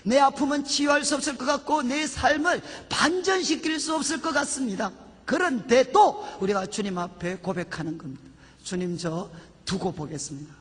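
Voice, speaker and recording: A man's voice: expressive, moderate pace, a bit bright. A middle-aged man preaching a testimony sermon, often dropping his voice to quote God. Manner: testimony-style preaching, quoting God's voice in a lowered tone. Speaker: pastor. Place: large church hall at a student retreat. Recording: reverberant hall recording.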